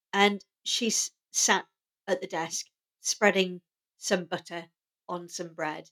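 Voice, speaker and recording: A woman co-hosting a podcast, chatting casually as she retells and quotes scenes from an episode. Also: mid-range voice. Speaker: podcast co-host. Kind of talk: casual chat recapping a TV episode.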